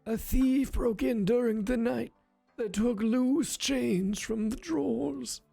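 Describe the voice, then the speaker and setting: A man's voice: very high voice, takes it slowly, vocal fry, dark tone, faint music behind, voice pushed up, full character voice. A man voicing a fussy, indignant old male banker in a Western mystery game. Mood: pompous. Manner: pompous, indignant.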